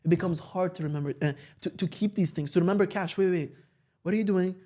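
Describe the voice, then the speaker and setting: A man's voice: high voice, fast, warm tone. A man hosting a casual podcast conversation, talking in emphatic slang, repeating phrases for weight and swearing freely.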